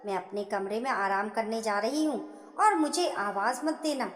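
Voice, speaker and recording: A woman's voice: on the high side, moderate pace, close to an everyday voice. A woman voicing a harsh, bossy middle-aged mother-in-law who scolds sharply and irritably. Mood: angry. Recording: echoey room with long reverb.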